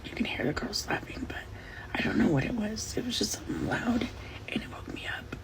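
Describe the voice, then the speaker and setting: Young woman whispering in a dark bedroom. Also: medium pitch, animated, fairly quick, rough recording. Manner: frightened hushed whispering. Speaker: vlogger filming her room. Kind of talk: whispered phone video. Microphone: phone camera.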